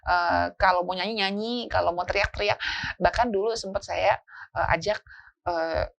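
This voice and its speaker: A middle-aged woman speaking as a child psychologist guest, giving animated parenting advice and acting out little scenes between parents and children. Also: medium pitch, moderate pace, creaky. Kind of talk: casual talk show advice.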